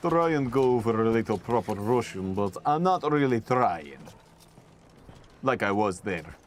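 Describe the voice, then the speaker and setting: A man's voice: fairly low pitch, animated, unhurried, slight background noise. A man streaming and casually commenting on gameplay in a rambling, playful way.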